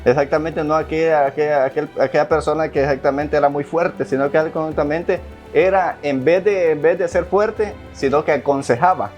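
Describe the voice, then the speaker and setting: A man's voice: fairly high pitch, a little fast, a little mellow. Earnest, hesitant man in an interview. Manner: earnest, hesitant, repeats words, many fillers. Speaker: interviewee, son of the subject. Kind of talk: documentary interview testimony. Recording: dull lo-fi sound with faint music.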